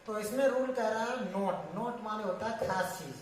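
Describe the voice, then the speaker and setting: A woman's voice: medium pitch, normal speed, a little hiss or hum. A woman explaining English grammar to a class, often asking a question and then answering it herself, with frequent restarts. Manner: repeats and restarts, asks and answers own questions. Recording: distant echoey room sound.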